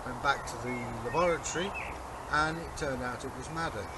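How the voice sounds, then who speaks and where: A man's voice: medium pitch, a little fast. Older man explaining, noisy outdoors. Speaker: co-host, Viking re-enactor. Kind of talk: casual explanatory show-and-tell. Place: outdoors in a leafy garden. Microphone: camera a few metres away. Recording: outdoor noise, birds and distant traffic.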